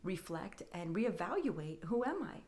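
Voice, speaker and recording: A woman guest on a podcast reflects earnestly on faith and identity, building her points in lists. Her lowish, darkish voice is sing-song and unhurried, with slight background noise.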